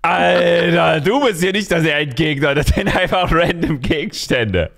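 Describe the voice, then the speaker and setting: A man's voice: a little high, a little slow, gravelly, fairly bright tone. A man hosting a horror game let's play. He jokes around and yelps when something startles him. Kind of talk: casual gaming commentary.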